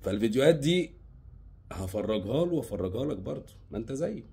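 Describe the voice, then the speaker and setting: A man with an Egyptian Arabic accent delivers a heartfelt advice monologue in a husky, mid-range voice. He mocks and scolds his listener, then drops low to plead with him. His tone swings between loud outbursts and quiet urgency. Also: sing-song, fast. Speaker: advice vlogger.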